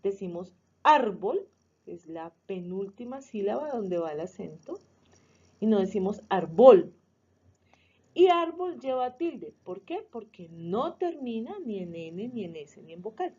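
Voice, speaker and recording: A woman explaining punctuation and accent rules in a measured way, with some hesitations and fillers. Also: mid-range voice, sing-song, warm tone, slightly rough. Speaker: student presenting a review video. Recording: dull lo-fi sound.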